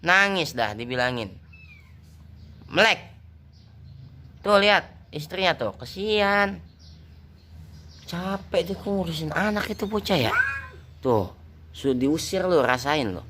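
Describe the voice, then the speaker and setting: A man keeps up a slow, casual running commentary to his cats. He teases and scolds them playfully. His voice sits a little high and sounds bright and forceful. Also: animated. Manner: teasing, scolding chatter to animals. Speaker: pet channel host.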